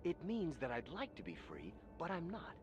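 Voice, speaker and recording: An actor playing a calm, weary, resigned male worker in video game dialogue. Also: on the high side, moderate pace, faint music behind.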